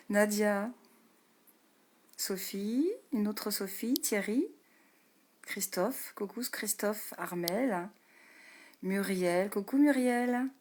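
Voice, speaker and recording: Greeting viewers by name during her live stream, a woman who is an energy healer and meditation host speaks slowly and gently. Laughter comes often, she sometimes whispers softly, and she mentions her voice being low.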